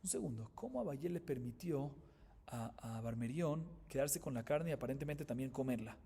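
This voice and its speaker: A man's voice: mid-range voice, expressive, normal speed, creaky, mellow, slightly rough, big-room sound. A man, a rabbi, teaching a Talmud lesson and acting out the dialogue with rhetorical questions to his listeners. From Colombia.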